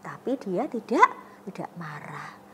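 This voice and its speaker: A woman's voice: on the low side, sing-song, measured pace, a little hiss or hum. A young woman teaching an online Sunday-school lesson, telling a Bible story to children and asking them questions she answers herself.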